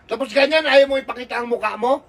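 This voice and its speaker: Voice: high voice, fast talker, far from the mic. Performer playing a weepy homesick dad. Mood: exasperated. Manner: whining, breaks into crying shouts. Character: homesick father working abroad, weepy and exasperated. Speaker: comedy skit character. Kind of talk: comic video-call skit.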